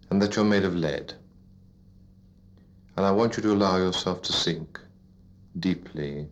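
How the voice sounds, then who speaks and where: A man guiding a listener into sleep as a hypnotist, in a soothing, repetitive, deliberate narration with pauses, like a sleep story narrator. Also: deep voice. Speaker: hypnotist leading a relaxation induction. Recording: dull lo-fi recording.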